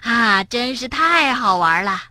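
A woman voicing a cheerful, feisty young male frog in a children's storybook, with lively exclamations. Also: a little high, measured pace, dry recording, full character voice. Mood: excited.

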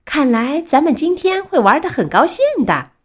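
A woman voicing a goofy, cheerful male tow truck from a storybook, excited and shouting. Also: sits high, moderate pace, breathy edge, voice pushed up, heavily acted.

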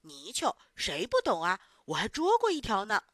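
A woman's voice: medium pitch, big pitch swings, moderate pace, pushed and bright, no room sound, studio quality. A woman voicing an eager, boastful little village boy in a children's storybook.

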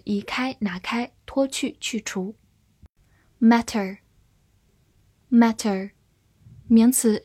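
A woman reads through a vocabulary list at a very slow, deliberate pace. She says each word twice before its meaning. Her voice is mellow, fairly high, and recorded dry and close. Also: dry recording. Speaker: English vocabulary teacher.

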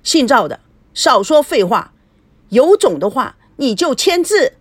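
A woman's voice: high voice, sing-song, a little slow, breathy edge, dry recording, pitched above the performer's own voice, full character voice. A woman voicing a furious, jealous young wife who shrieks and sneers at her rivals. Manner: shrieking, scornful.

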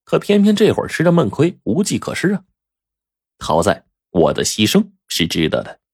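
A man's voice: medium pitch, huge pitch swings, normal speed, creaky, breathy edge, dry recording, studio quality. A man narrating a first-person story, wry and colloquial, cracking jokes at his own expense.

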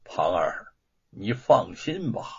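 A man voicing a scheming older rich man who gloats with low chuckles. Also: sing-song, takes it slowly, vocal fry, darkish tone, breathy edge, heavily acted. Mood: gloating. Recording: dull lo-fi recording.

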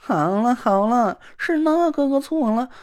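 A woman voicing an effeminate, fawning and sly young man, talking in a wheedling, drawn-out sing-song way. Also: fairly high pitch, lively intonation, darkish tone, voice pushed up. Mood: coaxing. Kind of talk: audiobook character voice.

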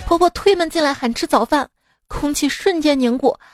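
A woman's voice: high-pitched, normal speed. A woman radio host reading listener-submitted jokes in a chatty way, often laughing at them, recorded on a studio mic. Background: faint background music.

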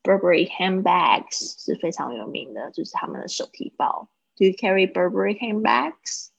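A woman with a lowish, gravelly and husky voice teaches an English lesson over a livestream. She explains patiently and says each word again and again to model how it sounds. The audio is dry and a little dull, like a lo-fi stream. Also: sing-song, dry recording. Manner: explains slowly, repeats words, models pronunciation.

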